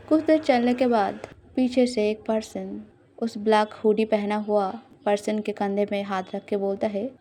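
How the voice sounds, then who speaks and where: A woman narrates a scripted audio story in a plain, even manner. Her voice is dark and mellow, set a little high.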